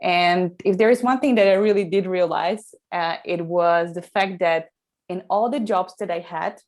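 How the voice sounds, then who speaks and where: Interview guest: young Slovak woman, lowish voice, friendly, halting English with a Slovak accent. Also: darkish tone. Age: young adult. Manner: friendly, lots of ums and uhs, restarts. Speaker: guest, company co-founder. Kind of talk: casual interview answers.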